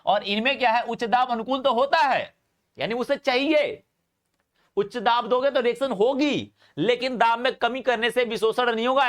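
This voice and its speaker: Brisk, high-voiced Hindi-accented male teacher. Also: a bit bright. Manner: brisk, talks fast, repeats points, calls students brother. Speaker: online chemistry teacher. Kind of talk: live class lecture.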